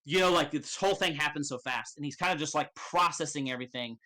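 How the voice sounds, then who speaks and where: Bright-voiced man running a tabletop game. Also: a little high. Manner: casual, halting, swears freely. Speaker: game master. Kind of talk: improvised tabletop game narration.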